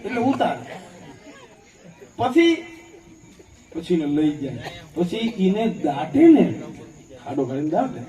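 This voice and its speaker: High-pitched, fiery speaker. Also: male voice, sing-song, slow, long pauses, some chatter behind. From Bhavnagar, Gujarat, India. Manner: forceful, rhetorical, acts out voices in anecdotes. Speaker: public speaker. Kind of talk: fiery public speech with humorous storytelling. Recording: echoey hall, voice from far off.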